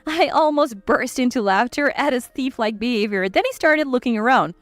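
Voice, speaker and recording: A woman's voice: sits high, animated, normal speed, no echo. A woman narrating a first-person story in a cool, blunt, scornful manner. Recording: dry voice with faint music.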